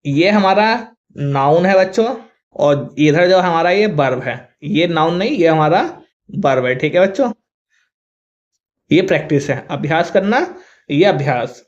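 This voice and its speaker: A man's voice: a little high, a little slow. A male teacher with a Hindi accent explains confused English words to students, spelling them out letter by letter. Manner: spells words out letter by letter, often says 'thik hai'. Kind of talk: vocabulary lesson to students. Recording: dull lo-fi recording.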